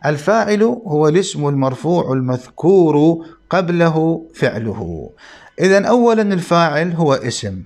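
A man with a somewhat raised voice teaches a grammar class. He sets up each point with a rhetorical question, then answers it patiently, lingering on key rules. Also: a little high. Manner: asks rhetorical questions and answers them himself; slows down to stress key points. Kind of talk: classroom lesson explaining Arabic grammar.

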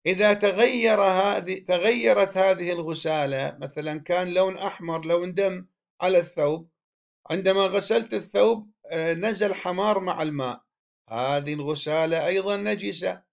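A man's voice: high-pitched, moderate pace, creaky, lo-fi sound. A man teaching a religious law text, explaining step by step and posing questions to his students before answering them himself.

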